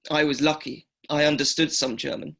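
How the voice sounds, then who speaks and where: A gravelly old survivor. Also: male voice, a little high, fairly even intonation, sharp tone, heavily acted. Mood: somber. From Greece. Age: older. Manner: slow, halting, repeats himself. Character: elderly male Holocaust survivor, quiet and halting. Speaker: survivor telling his story. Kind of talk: radio documentary drama.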